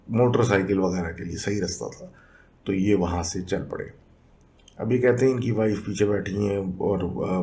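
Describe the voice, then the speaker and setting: A man, a podcast host calmly retelling listeners' stories in a conversational way with English words mixed in. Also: low-pitched. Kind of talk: casual storytelling narration.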